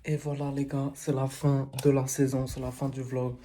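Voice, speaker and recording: A woman vlog host chatting in a casual, blunt way, dropping swear words as she goes. Her voice sits low, and she is in a bathroom. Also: little pitch movement, moderate pace, dark tone, slight background noise.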